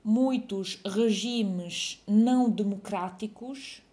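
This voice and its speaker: A woman's voice: medium pitch, extremely slow, dark tone. A woman reading a dictation, saying each phrase twice and calling out the punctuation. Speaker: dictation teacher.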